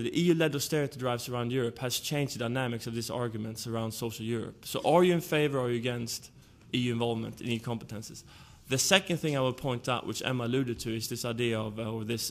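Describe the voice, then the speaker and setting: A man with a Swedish accent gives an argumentative panel talk and works through his case point by point. His voice sits at a middling pitch for a man. His delivery is measured and deliberate. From Sweden. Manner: argumentative, lays out points in order.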